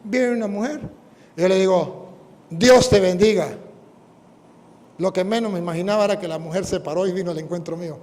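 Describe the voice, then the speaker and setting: Priest preaching, lively storytelling, pretty high voice, big echoey hall, bit of hiss. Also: male voice, quick pace. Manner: animated storytelling, acting out dialogue. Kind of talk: sermon, storytelling.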